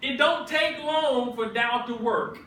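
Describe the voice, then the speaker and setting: A man preaching a sermon as pastor. He speaks emphatically, repeats his phrases, and builds up to shouts. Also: very high-pitched, slow, slight background noise. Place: church sanctuary. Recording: echoey church from a distant mic.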